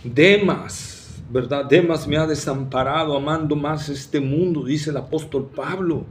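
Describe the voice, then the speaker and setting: High-voiced preacher, emphatic. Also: male voice, unhurried, slight background noise. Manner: emphatic, asks rhetorical questions, addresses the congregation. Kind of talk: sermon.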